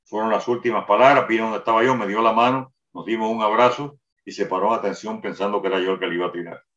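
A man's voice: fairly low pitch, fairly even intonation, fast, a bit bright. An older man giving a detailed first-person account in an interview, with frequent restarts. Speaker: interviewee recounting a wartime memory. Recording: roomy, distant, dull sound.

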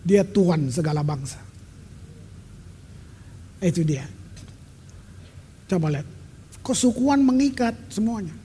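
Preaching a sermon in a large hall with long reverb, a middle-aged pastor speaks with a high-sitting, mellow, husky voice. He is animated but slow, leaving long pauses, and his emphatic, conversational style includes English phrases.

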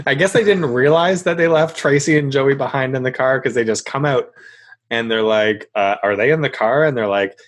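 A man's voice: medium pitch, normal speed. Man joking through a casual recap. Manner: crude joking, laughs often. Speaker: podcast co-host. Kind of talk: casual recap chat about a sitcom. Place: remote internet call recording.

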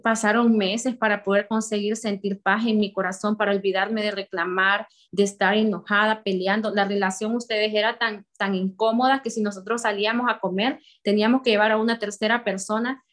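A woman's voice: mid-range voice, flat delivery, brisk, few pauses, a bit bright. Young woman, Honduran accent, faith testimony, heartfelt, speaks straight to listeners. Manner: heartfelt, addresses listeners directly.

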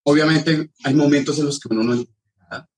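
A Colombian man in his thirties, chatting casually and explaining things at a measured pace with small restarts. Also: on the high side. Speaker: guest. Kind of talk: casual chat.

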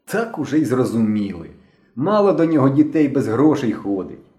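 A man's voice: mid-range voice, very animated, normal speed, warm tone, close to an everyday voice. A man voicing a cocky, impulsive schoolboy in a storybook reading, with a brash, offhand way of talking. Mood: defiant. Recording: roomy echo.

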